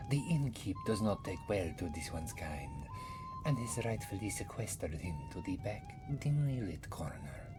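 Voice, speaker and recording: Voicing an aged, courteous and wry cat-folk former priest for fantasy roleplay ASMR, a man speaks softly, often whispering, and muses about himself in the third person. His lowish voice is very animated at normal speed. The recording is rough, with music behind it.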